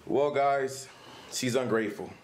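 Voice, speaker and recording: A man's voice: mid-range voice, unhurried, slight background noise. A young man filming a casual vlog, pleading and repeating himself as he apologizes for a prank. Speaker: prankster boyfriend.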